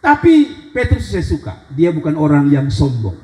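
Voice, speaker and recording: A male pastor with a Kupang accent, preaching an animated sermon and acting out scripture scenes. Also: on the high side, normal speed, roomy sound, rough recording. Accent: Kupang Indonesian. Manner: animated preaching that dramatizes scripture in acted-out voices. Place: church sanctuary.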